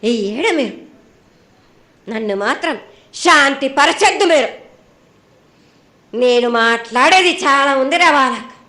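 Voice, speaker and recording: A woman's voice: sits high, animated, unhurried, long pauses, sharp tone, roomy sound. A woman with a Telangana accent speaking as an oracle in a prophetic trance voice, sternly admonishing in short, repeated phrases. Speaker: oracle delivering annual festival prophecy.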